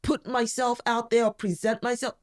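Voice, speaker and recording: A woman's voice: a little high, little pitch movement, moderate pace. Outspoken, emphatic woman in her forties. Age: 40s. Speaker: interview guest. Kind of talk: candid conversational interview.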